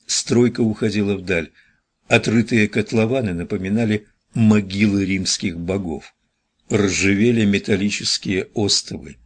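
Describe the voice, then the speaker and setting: A male audiobook narrator reads in a measured, dramatic way. His voice sits low and slightly husky. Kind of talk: scripted narration.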